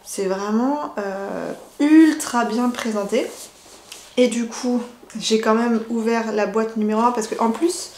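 Slow, hesitant woman in an echoey room. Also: a little high, fairly even intonation, a little mellow, a little hiss or hum. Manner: hesitant, many fillers and restarts. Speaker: knitting vlogger. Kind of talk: casual unboxing chat.

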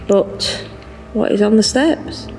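A woman's voice: medium pitch, slow pace, a little mellow, poor audio. A woman on a ghost-hunting vlog, talking as a paranormal investigator and addressing spirits aloud. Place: indoor rooms at night. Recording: music underneath. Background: music.

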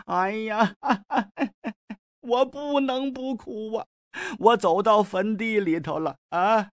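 A man voicing an arrogant, mocking male scholar in an audiobook, with drawn-out, scornful cries. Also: a little high, big pitch swings, no echo, studio quality. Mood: mocking wail.

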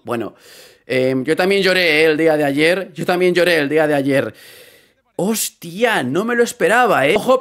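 Excitable man reacting to football. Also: fairly high pitch. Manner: excitable, swearing, repeats phrases. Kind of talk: live reaction commentary.

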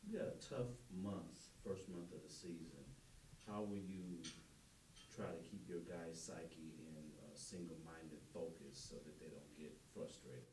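A man's voice: a bass voice, steady tone, a little slow, darkish tone. A man working as a reporter, asking brief, direct questions at a press conference. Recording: echoey room, off-mic from far off, faint noise.

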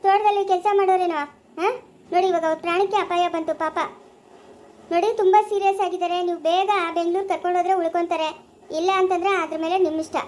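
A woman playing a brisk, firm village nurse. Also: very high-pitched, fairly even intonation, darkish tone. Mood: urgent firm. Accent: Chikkaballapura rural Kannada. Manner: firm, instructing, impatient.

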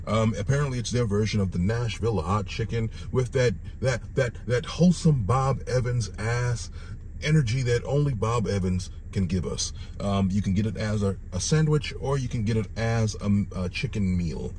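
A man's voice: on the low side, normal speed. A man in his thirties with a lisp and slushy s sounds gives a casual, joking, sweary food review. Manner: animated, joking, profane. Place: inside a car, driving and parked. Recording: car interior with road noise. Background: vehicle noise.

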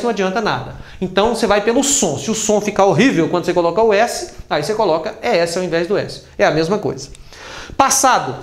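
Brazilian man teaching, roomy echo. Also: high-pitched. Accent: Brazilian Portuguese. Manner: patient, repeats points with spoken examples. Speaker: English teacher. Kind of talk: explaining a grammar lesson.

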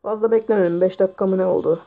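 A man with a sore throat giving excitable gameplay commentary, swearing at the game as he plays. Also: high-pitched, racing, gravelly. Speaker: gaming channel host. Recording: dull lo-fi mic with faint hiss.

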